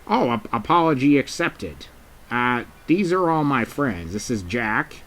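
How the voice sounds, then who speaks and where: A man's voice: medium pitch, very animated, measured pace, fairly bright tone, low-quality recording. A man voicing a cheerful, trusting young male penguin in a homemade puppet drama, eager and reassuring with many fillers.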